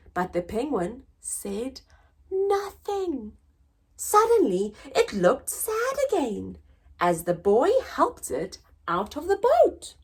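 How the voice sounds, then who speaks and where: A woman with a very high voice leads story time, reading a picture book aloud to young children. She is expressive and deliberate, pulling her words long.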